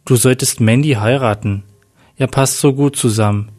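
A man's voice: mid-range voice, normal speed, darkish tone, soft background music, natural voice. A man voicing a young man saying a tender last farewell to his best friend.

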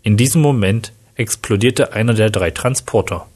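A man reading a crime story aloud in an even, steady storytelling voice. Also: on the low side, normal speed, slightly rough. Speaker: narrator.

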